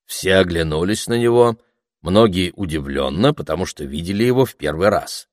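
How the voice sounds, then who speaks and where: Guy reading a novel aloud, lots of pitch movement, dry close sound. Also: moderate pace, dry recording. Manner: expressive reading, voices many characters. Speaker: audiobook narrator. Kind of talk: scripted narration.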